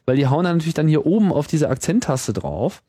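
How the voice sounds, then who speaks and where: A man's voice: a little high, sing-song, fast talker, warm tone, husky, no room sound, studio quality. A man co-hosting a casual podcast chat, explaining things at length with fillers and self-corrections. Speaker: podcast co-host.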